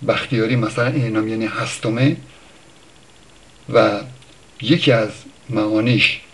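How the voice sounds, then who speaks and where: A man giving an informal spoken lesson on word origins. He thinks aloud, pauses often, corrects himself, and lifts his voice for examples. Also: lowish voice, steady tone, a bit bright. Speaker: language teacher.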